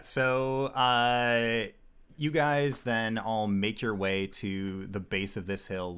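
A man working as game master, improvising scene narration in a halting way. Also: lowish voice, fairly bright tone, clear, resonant tone. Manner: halting, piecing scenes together.

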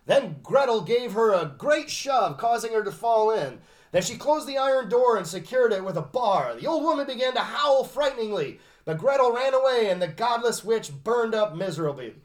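A man's voice: very high voice, big pitch swings, moderate pace. A man hosting a podcast, reading a fairy tale aloud and breaking in with joking asides. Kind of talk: casual storytelling with banter.

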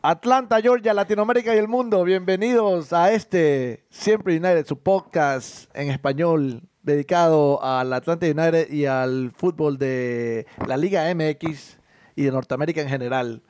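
A man's voice: on the high side, measured pace, a little mellow, clean tone, dry recording. A man hosting a casual sports podcast, upbeat and laughing, with many hesitant fillers. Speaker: podcast host.

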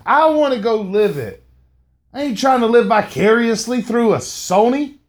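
A man's voice: very high-pitched, lively intonation, normal speed. A middle-aged man hosting a podcast, giving a motivational monologue, repeating lines for emphasis and often calling the listener "man". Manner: slangy, says "man" often. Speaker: podcast host and motivational speaker.

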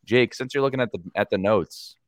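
A man's voice: medium pitch, a little fast, dry recording, clean studio sound. A man hosting a casual podcast, joking and steering the segments. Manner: joking, playful, runs the show segments. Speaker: podcast host.

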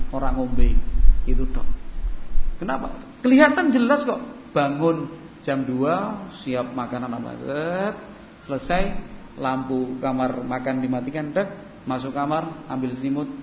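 A man delivers a sermon in an animated, theatrical way, acting out scenes from family life. His voice sits a little high. The recording is dull and lo-fi, with long reverb from a large hall. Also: a little hiss or hum. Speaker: preacher. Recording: echoey hall, dull lo-fi sound.

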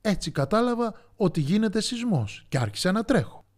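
A man's voice: high voice, very animated, voice pushed up. A man voicing a jittery, panicky storybook hare. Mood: sheepish.

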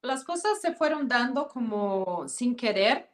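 Brazilian woman speaking Spanish, relaxed. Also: fairly high pitch, measured pace. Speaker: guest, former model and influencer. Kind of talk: casual interview chat.

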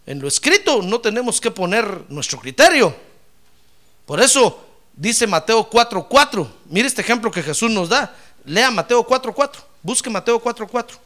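A man preaching a sermon in an animated way, with rhetorical questions, humor and loud exclamations of praise. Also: high-pitched, normal speed.

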